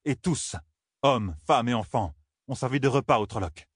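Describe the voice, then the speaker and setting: A man voicing a young male hero in an audiobook, stern and commanding, rising to shouts when angered. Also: mid-range voice, moderate pace, husky, no room sound, studio quality, voice pushed up, natural voice.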